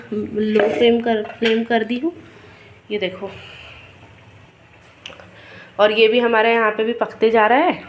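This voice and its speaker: A middle-aged woman with a sore throat hosts a casual cooking video, chatting to viewers as friends and explaining each step. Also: a little high.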